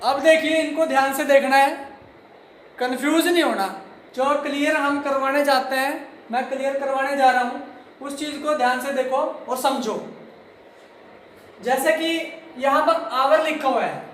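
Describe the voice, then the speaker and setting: A man teaching English grammar to students, repeating words slowly and speaking to the class directly. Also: very high-pitched, steady tone, a bit bright, slight background noise. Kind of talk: classroom lesson explaining to students. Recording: very echoey room.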